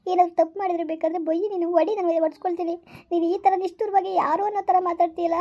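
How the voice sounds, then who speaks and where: High pleading young woman, dull audio. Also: little pitch movement, fast, warm tone. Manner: pleading, hurt, repeats "please". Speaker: wife in a family skit. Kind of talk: scripted family drama.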